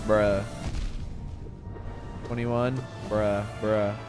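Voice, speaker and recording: A man's voice: lowish voice, level tone, drawn-out words, music in the background. A man in his twenties chatting casually with his viewers while streaming a game, joking around and swearing often. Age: 20s. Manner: joking banter with chat, frequent swearing. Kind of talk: casual live gaming stream chat.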